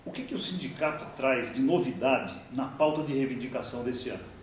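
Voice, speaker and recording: A man's voice: medium pitch, fairly quick. A Brazilian man interviewing a union president, asking plain, direct questions. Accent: Brazilian Portuguese. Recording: echoey room, distant mic, faint noise.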